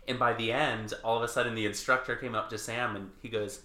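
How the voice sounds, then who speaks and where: A woman's voice: extremely low pitch, steady tone, fairly quick, bright, forceful tone. A woman co-hosting a casual chat. She tells anecdotes and keeps breaking into laughter. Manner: laughing storyteller. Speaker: podcast co-host. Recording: echoey room.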